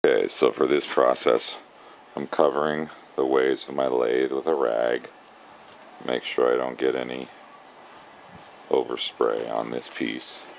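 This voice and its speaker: A man teaching woodturning step by step, talking it through haltingly as he works at a lathe in a windy workshop. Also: a bass voice, flat delivery, vocal fry. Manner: halting, thinking aloud while working. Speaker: woodturning instructor. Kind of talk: casual step-by-step demonstration. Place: workshop with lathe, wind outdoors.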